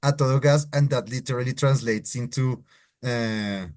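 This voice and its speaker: A Latin American man teaching Spanish slang in a live online lesson, explaining slowly with drawn-out vowels. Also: medium pitch, darkish tone.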